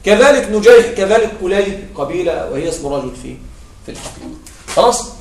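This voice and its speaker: A man with a high, animated, fast, gravelly voice teaches grammar in a classroom lecture, repeating his points and checking understanding with short questions. The room is echoey and the mic is far off.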